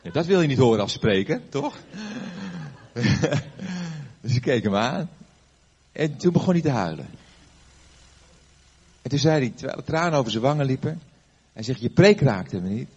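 A man's voice: mid-range voice, animated, normal speed, long pauses, darkish tone, slightly rough, muffled recording. An older man, a pastor, giving a sermon before a live audience, telling a story conversationally with fillers and questions to the listeners.

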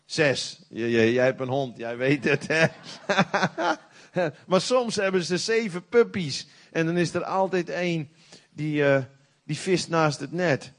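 A middle-aged man preaches a sermon with a slightly raised voice. He talks in a folksy, conversational way, then bursts out loud on key points. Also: fairly high pitch, a little slow. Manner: animated, folksy preaching with sudden loud outbursts.

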